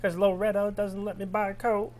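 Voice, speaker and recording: A meek, mopey middle-aged cartoon dad, put on by a man in a high, soft voice. He sounds sorry for himself in this comic impression. The pitch sits well above a man's usual range. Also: level tone, a little fast, slight background noise, lightly acted.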